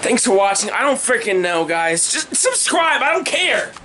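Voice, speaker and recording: A young man vlogging, shouting in frantic repeated bursts and going hoarse from screaming. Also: very high-pitched, very animated, moderate pace, noisy background. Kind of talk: prank vlog, yelling.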